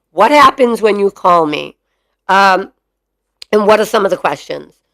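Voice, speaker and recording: A woman's voice: medium pitch, measured pace. A woman in her fifties with a Boston accent, chatting and joking to camera about her life as a dog breeder. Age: 50s. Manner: chatty, joking, animated storyteller. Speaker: dog breeder and channel host. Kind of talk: casual chat to camera.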